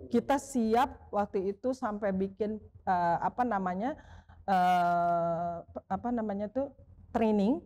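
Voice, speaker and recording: Here the same seasoned sportscaster, a middle-aged woman, talks slowly in a medium-pitched voice. She's animated as she recounts anecdotes in a casual interview, imitating whoever she quotes and repeatedly addressing her male host with a polite "Pak."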